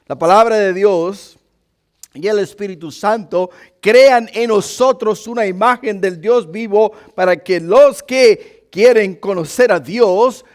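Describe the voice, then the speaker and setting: A man with a hoarse, croaky frog voice preaching and praying as a pastor, using emphatic repetition and questions to his congregation. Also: sits high, slow. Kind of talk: sermon with prayer and scripture reading.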